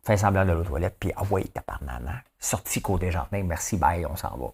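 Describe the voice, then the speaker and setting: A man with a Québécois accent hosting a live show, chatting casually with viewers in an animated way and often checking in with them. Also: deep voice, brisk, creaky, breathy edge. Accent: Québécois French. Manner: animated, chatty, keeps asking "hein?".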